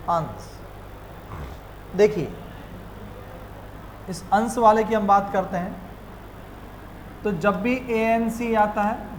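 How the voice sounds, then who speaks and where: Indian man drilling pronunciation, slow. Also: sits high, a little hiss or hum, rough recording. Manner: asks questions and answers them himself, drills words slowly. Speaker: spoken English teacher. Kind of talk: classroom lesson mixing Hindi and English.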